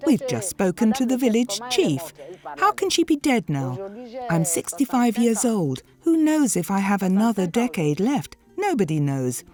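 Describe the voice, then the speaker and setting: An outspoken, discontented village chief in her sixties, voiced by a woman in a documentary dub. She has a mid-pitched female voice with lively intonation. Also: normal speed, lightly acted. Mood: defiant, fatalistic.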